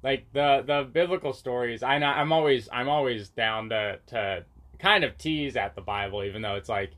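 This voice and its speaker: Bright-voiced man in casual chat. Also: mid-range voice, normal speed. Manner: laid-back slangy phrasing, peppered with "like" and "dude".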